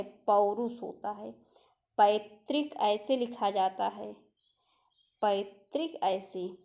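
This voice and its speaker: A young woman teaching an exam-prep spelling lesson, going through words one by one and asking rhetorical questions. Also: on the high side. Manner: drills word by word, asks rhetorical questions. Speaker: Hindi teacher.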